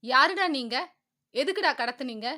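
A woman's voice: high voice, animated, measured pace, pushed and bright, full character voice. A woman voicing an easygoing, cheerful young man who chats in a breezy, talkative way in a storybook reading. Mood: angry shouting.

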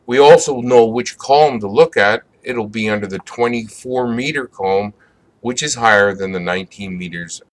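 A middle-aged man with a somewhat low voice narrates a plumbing lesson from a script. He explains each step methodically, at a measured and even pace, like an instructor walking students through a code book.

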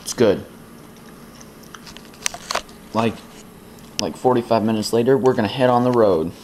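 A man's voice: medium pitch, fairly quick, background noise. A teenage boy vlogging casually to a camera held at arm's length at home, talking while he eats and chewing between phrases. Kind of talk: casual vlog talk to camera.

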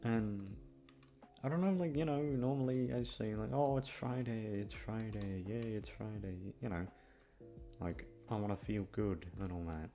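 A man with a lowish, mellow voice speaks a little slowly as he rambles to listeners in a glum, griping mood, swearing without restraint. He's a channel host and audio voice actor, with soft music in the background.

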